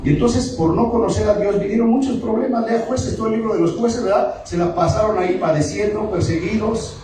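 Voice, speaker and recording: A man's voice: high-pitched, fairly quick, dark tone, slight background noise. Pastor, male, fiery call-and-response sermon, far mic, echoey hall with music. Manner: emphatic, call-and-response preaching. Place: church sanctuary.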